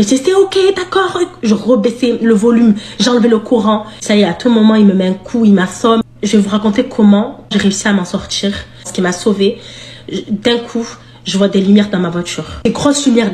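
A woman's voice: mid-range voice, a little fast. Young woman confiding a scary story. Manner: animated, confiding, addresses listeners as girls. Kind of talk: telling a personal scary story. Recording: roomy echo, faint background noise.

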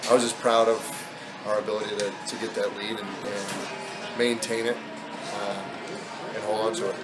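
A man's voice: on the low side, level tone, moderate pace, music in the background, poor audio. A man in his thirties, a basketball head coach, talking candidly with many fillers in a postgame press interview. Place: indoor press backdrop at an arena.

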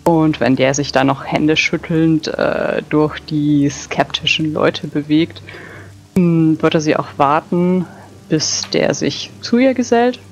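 Slow-spoken woman player, slightly dull mic. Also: deep voice. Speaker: tabletop role-play player. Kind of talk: casual game narration and rules talk. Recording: dull lo-fi mic over background music.

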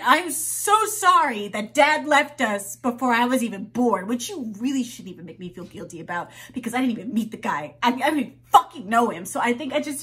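A young woman performing a dramatic monologue as a hurt, exasperated daughter who cares for her mother, speaking in a halting, pleading, volatile way. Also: sits high, natural voice. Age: young adult. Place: indoors, small room with plain backdrop.

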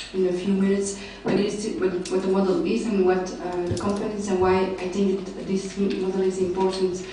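Her voice mid-range and mellow, a hesitant Belgian researcher gives a summer school conference presentation with many fillers and restarts. She is seated at a panel table in a large lecture hall. The table mic is picked up by a far camera, making her sound distant amid strong echo and slight background noise.

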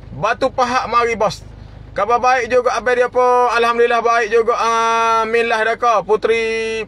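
A man's voice: extremely high pitch, bright, forceful tone. A man hosting a casual live stream, greeting viewers by name and chuckling often.

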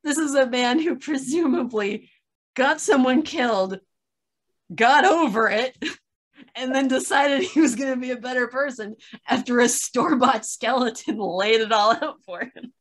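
Speaking from a small room at home over a video call, a podcast reviewer chats casually and shares opinionated stories. She's wry and animated, her voice sitting high and moving a little slowly, with acted-out asides and wry exasperation in her storytelling.

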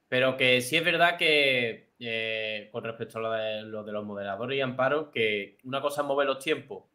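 A man hosting a live chat, agreeable and quick to chime in. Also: mid-range voice, pushed and bright. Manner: agreeable, interjects often. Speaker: host. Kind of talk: casual live chat moderation.

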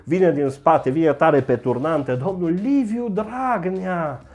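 A man doing a mocking satirical comedy monologue, jumping into high mock voices. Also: darkish tone.

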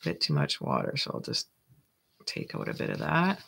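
A Canadian crafting channel host narrates casually and playfully while working, chatting and joking and often talking to themselves. The mid-range voice swoops wildly in pitch at a normal speed, sounding creaky over a noisy background.

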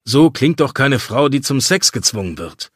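A man's voice: mid-range voice, big pitch swings, normal speed, slightly rough, dry recording, studio quality. A man voicing a cheeky, crude young man who mocks his friend in an audiobook. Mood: teasing. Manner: mocking, cheeky.

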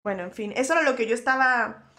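A woman from Colombia streaming as a VTuber, reacting and chatting with her viewers in an animated, slangy, teasing way with quick laughs. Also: a little high. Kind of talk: live stream reaction chat.

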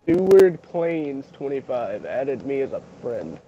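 Lo-fi muffled voice chat, faint music, man, higher pitch, playful gamer banter. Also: very animated, takes it slowly. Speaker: game streamer's co-op partner. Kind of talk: casual gameplay chat.

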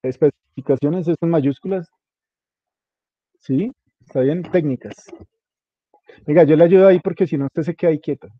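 A man's voice: on the high side, normal speed, long pauses, narrow, tinny audio, a little hiss or hum. A man, coaching a student step by step in an informal, casual way and spelling out small details. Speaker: instructor. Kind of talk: guiding a student through a web page setup.

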